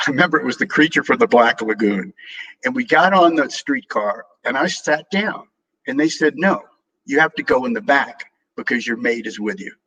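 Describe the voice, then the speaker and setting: Earnest older man with a bright, forceful voice. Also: mid-range voice, breathy edge, poor audio. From New Orleans, USA. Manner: earnest, repeats words, uses homely metaphors. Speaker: guest speaker. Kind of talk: inspirational talk on a live video call.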